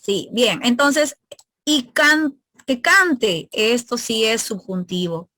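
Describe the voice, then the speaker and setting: A woman's voice: fairly high pitch, slow, bright, forceful tone, no echo. A woman teacher leading an online exam review class, asking her students questions and explaining grammar step by step.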